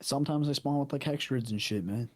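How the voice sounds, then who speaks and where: A man's voice: mid-range voice, fast, darkish tone, no room sound. A man co-hosting a gaming podcast, chatting casually with friends, laid-back and swearing a lot with playful teasing. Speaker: podcast co-host. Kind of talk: casual chat among friends.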